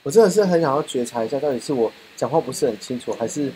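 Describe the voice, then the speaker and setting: A man hosting a podcast, telling a rambling anecdote in a casual, animated way. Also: mid-range voice, rapid-fire, a little hiss or hum, low-quality recording. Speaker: podcast host. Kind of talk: casual storytelling chat.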